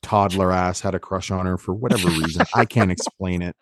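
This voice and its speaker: A man's voice: low voice, fairly even intonation, a little fast, a bit bright, no echo, studio quality. A man hosting a podcast in a casual chat, blunt and joking, with a lot of swearing. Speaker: podcast host.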